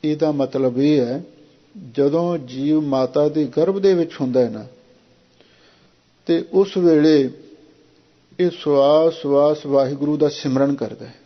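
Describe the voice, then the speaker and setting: A male preacher in a devotional sermon, his voice sitting a little high. He stretches quoted verses out slowly before explaining them in plain, everyday talk. The recording is dull and lo-fi. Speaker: Sikh preacher giving scripture commentary.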